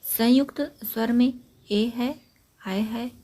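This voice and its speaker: A woman teaching an exam-prep grammar lesson, explaining point by point and repeating key facts, with trailing syllables that drop to a breathy near-whisper. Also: a little high, fairly even intonation, slow pace, mellow. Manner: repetitive, explains points step by step.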